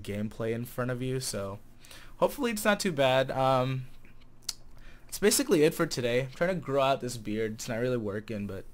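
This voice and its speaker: An easygoing young American man, 20 years old and from the Chicago area, chats in a casual vlog to camera with a mid-range, fairly bright voice. He's a vlogger who also manages game server staff. Recording happens in a small room at home on a desk condenser mic with a pop filter.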